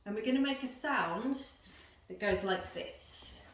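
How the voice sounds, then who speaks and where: A woman's voice: mid-range voice, measured pace, a little hiss or hum. A woman guiding a yoga and breathing lesson, giving informal step-by-step instructions and explanations to the camera. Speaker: yoga teacher. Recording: roomy echo, voice at some distance.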